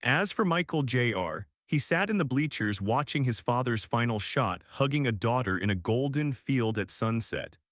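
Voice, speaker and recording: A man reading a scripted documentary narration in a measured, dramatic storytelling manner. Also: mid-range voice, expressive, dry recording, studio quality.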